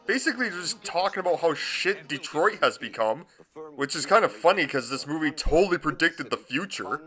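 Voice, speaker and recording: A man's voice: on the high side, normal speed, faint music behind. A man giving a comedic movie review, gushing and swearing often. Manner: profane, excitable and gushing.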